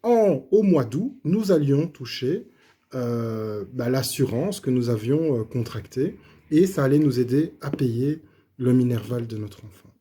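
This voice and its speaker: Sharing how he came to faith, a slightly hoarse middle-aged man stumbles and restarts often, leaning on fillers in a casual delivery. His medium-pitched voice is expressive, with a dark tone.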